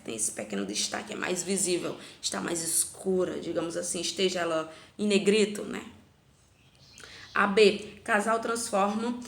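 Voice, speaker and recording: Gravelly-voiced teacher in an echoey room. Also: female voice, medium pitch, a bit bright. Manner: explains step by step, checks in with "tá?" and "ok?". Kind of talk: recorded grammar lesson. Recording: echoey room with faint background noise.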